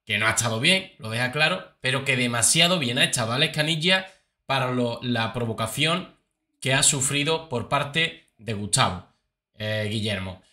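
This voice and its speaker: A man's voice: medium pitch, expressive, normal speed, pushed and bright. A man giving chatty commentary on reality-show clips, with many fillers and repeats. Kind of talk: casual commentary.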